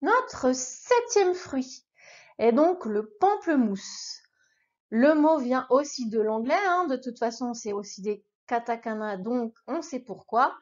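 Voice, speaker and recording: Her voice sits on the high side with a darkish tone and lively intonation, and she takes her time; the sound is lo-fi. She's a patient, informal teacher walking a beginner through repeat-after-me drills and encouraging them along the way.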